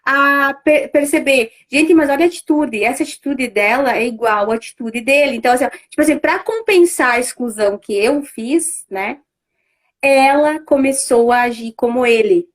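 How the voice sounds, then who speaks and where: High-voiced woman, chatty. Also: normal speed. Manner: conversational, many fillers and restarts. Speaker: family constellation facilitator. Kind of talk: casual live-stream talk.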